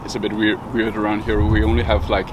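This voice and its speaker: A young man chatting casually in a vlog about his training day, relaxed and hesitant with frequent ums. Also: on the low side, fast, roomy sound, muffled recording. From Denmark. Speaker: professional triathlete vlogging. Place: outdoors near roads. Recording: outdoor traffic noise.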